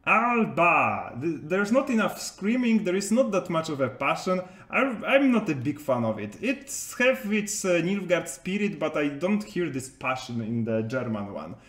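Chatty man with lively, roomy voice. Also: on the high side, normal speed, few pauses. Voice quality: non-native English phrasing. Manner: chatty, rambling, with many hesitations and restarts. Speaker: game content creator. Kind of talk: casual commentary to viewers.

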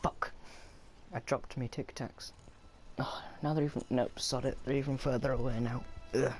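A man giving casual, excitable gameplay commentary, swearing often and chatting to himself. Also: medium pitch, normal speed. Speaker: gaming video creator. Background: game music.

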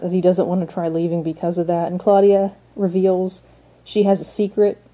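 A woman with a fairly low, dark voice does a casual, opinionated recap of an episode and comments on it. She's a recap vlogger, chatty and often restarting her sentences.

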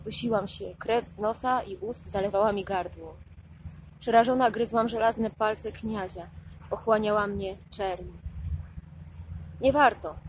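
Woman narrating an audiobook, mid pitch. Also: fairly even intonation, a little slow, slight background noise, rough recording. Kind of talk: first-person scripted narration.

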